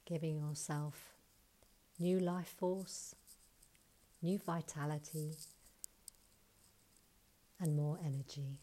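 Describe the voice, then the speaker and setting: A woman leading a guided breathing exercise, counting breaths and giving calm, soft instructions, sometimes close to a whisper. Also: deep voice. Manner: slow soothing counting instructions.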